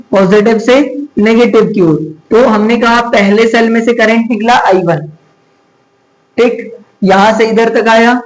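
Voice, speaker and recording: A man's voice: very high voice, low-quality recording. A man teaching a physics class, chatty and teasing, scolding students to focus and mixing in English terms. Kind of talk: classroom lecture.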